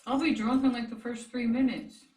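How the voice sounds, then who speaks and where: A woman's voice: on the high side, steady tone, normal speed, a little mellow. Teasing woman, echoey room. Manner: teasing, chatty, laughs easily. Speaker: vlog co-host. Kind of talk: casual chat. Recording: echoey room, distant mic.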